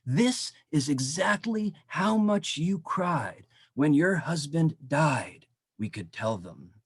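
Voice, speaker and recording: A man, a poet, reading his poems at a virtual event, slow and dramatic in the verses, loose with ums between them. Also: fairly high pitch, slightly rough, dry recording, clean studio sound. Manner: measured, dramatic reading with slow drawn-out phrases; relaxed, halting asides with frequent ums. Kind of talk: poetry reading. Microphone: video call.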